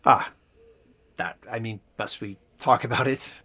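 An actor playing a flamboyant, evasive stage magician who laughs often, in an audio drama. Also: male voice, medium pitch, fairly even intonation, unhurried, pushed and bright. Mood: dismissive.

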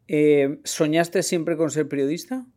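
A man's voice: fairly high pitch, fairly even intonation, a little slow, darkish tone. A man hosting an interview in a casual, friendly way, talkative and teasing his guest. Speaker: podcast host, interviewer.

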